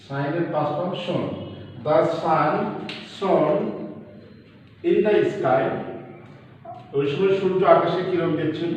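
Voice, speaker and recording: Man teaching with a Bangladeshi accent, high voice, distant dull recording, long hall reverb. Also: a little mellow, a little hiss or hum. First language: Bengali. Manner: slow, explains words one by one, spells out letters. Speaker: assistant teacher. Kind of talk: classroom English lesson. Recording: echoey hall, far from the mic, dull.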